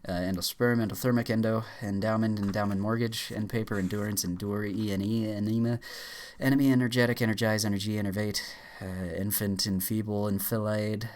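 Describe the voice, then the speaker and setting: Low-voiced man rattling off a word list. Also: fairly even intonation, a little mellow. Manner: rushed, stumbling with frequent uh fillers and restarts. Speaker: YouTuber. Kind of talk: rapid-fire reading aloud of a word list.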